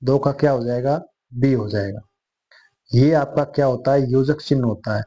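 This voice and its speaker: A man's voice: mid-range voice, moderate pace, mellow, lo-fi sound. A man teaching an online quiz lesson, addressing viewers as friends and repeating each answer.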